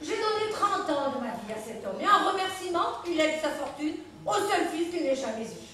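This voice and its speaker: Tart, bawdy society widow, played by an actress on a live stage; very high voice, echoing hall. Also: female voice, sing-song, moderate pace, bright, forceful tone, a little hiss or hum, full character voice. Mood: bitter. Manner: theatrical stage delivery, tart and mocking. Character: sardonic wealthy widow, aristocratic, bitter and bawdy. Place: theatre stage. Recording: echoey theatre stage from far off.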